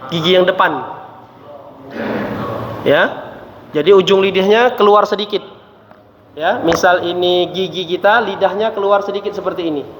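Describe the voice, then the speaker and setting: A man's voice: high voice, moderate pace, pauses often, a little hiss or hum. A man teaching Quran recitation, patiently drilling letter sounds and often ending phrases with a short tag. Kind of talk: tajwid lesson with letter drills. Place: mosque hall. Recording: echoey hall with faint ambience.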